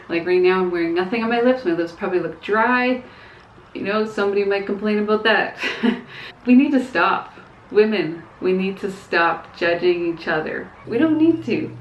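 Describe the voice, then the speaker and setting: A woman's voice: lowish voice, a little hiss or hum. A young woman talking frankly in a casual opinion vlog, earnest but hesitant, with fillers and small laughs. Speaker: vlogger. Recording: echoey, dull room sound.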